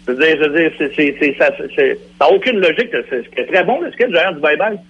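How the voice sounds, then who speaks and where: A man's voice: fairly high pitch, expressive, fast talker, slightly rough. A man with a Quebec French accent, a radio guest arguing insistently in a heated debate. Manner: insistent, argumentative. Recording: lo-fi radio broadcast.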